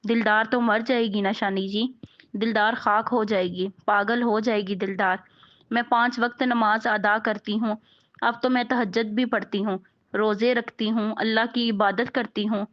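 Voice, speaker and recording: A woman's voice: fairly high pitch, lightly acted. A woman narrator voicing a devoted young woman who pleads tearfully, on a dull lo-fi recording. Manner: pleading, emotional.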